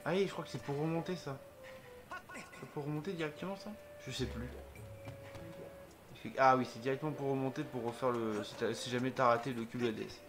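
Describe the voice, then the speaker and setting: A man's voice: medium pitch, a little fast, pauses often. Man chatting over game music. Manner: thinking aloud, hesitant, many fillers. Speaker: let's play host. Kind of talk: casual gameplay commentary.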